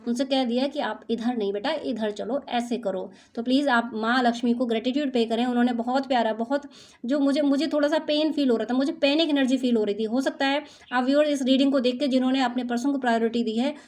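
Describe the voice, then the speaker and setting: A woman's voice: high voice, steady tone, fast, darkish tone. A woman doing an intuitive spiritual reading for her viewers, talking in a soothing, motherly, reassuring way. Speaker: spiritual card reader.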